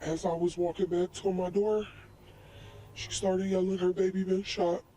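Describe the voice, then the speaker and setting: A woman's voice: flat delivery, normal speed, slight background noise, low-quality recording. A woman neighbor speaking in a news interview clip, her voice electronically altered to hide who she is, recounting plainly and directly. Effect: voice electronically altered for anonymity, low and dark. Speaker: neighbor and witness.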